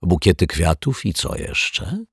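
A man voicing a sly, menacing male stage magician with a raspy voice, in a storybook reading. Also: low voice, wildly swooping pitch, a bit bright, no room sound, studio quality, exaggerated voice. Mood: teasing. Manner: slow, mocking, teasing menace.

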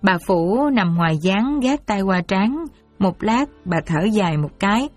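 Measured woman narrator. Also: medium pitch, animated, darkish tone, no room sound, faint music behind. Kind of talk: storybook narration.

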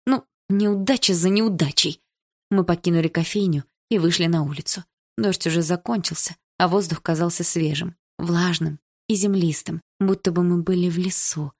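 A woman narrates a first-person audiobook with lively, sardonic storytelling. Her voice sits low for a woman. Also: moderate pace.

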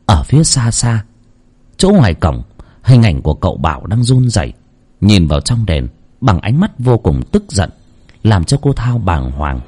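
A man narrating a horror story with dramatic, expressive delivery. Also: fairly low pitch, normal speed, slightly rough.

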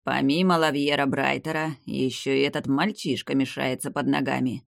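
A man reading the part of an old vampire clan head, the narrator's grandfather, in a grave, measured, weary manner. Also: medium pitch, little pitch movement, creaky, no room sound, clean studio sound, natural voice. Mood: angry. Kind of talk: audiobook character reading.

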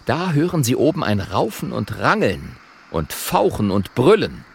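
Brief: male audiobook narrator, slow, gravelly, very lively delivery. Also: mid-range voice. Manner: expressive, measured.

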